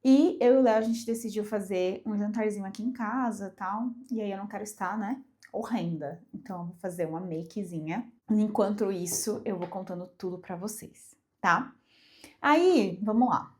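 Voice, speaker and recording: A congested young Brazilian woman with a cold talks casually and emphatically to camera in a personal vlog. Her mid-range voice has a darkish tone and a moderate pace.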